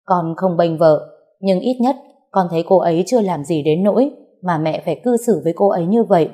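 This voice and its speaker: Storybook: earnest young husband, firm and pleading, voiced by a woman reader, low and mellow. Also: fairly quick, natural voice. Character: earnest young husband defending his wife.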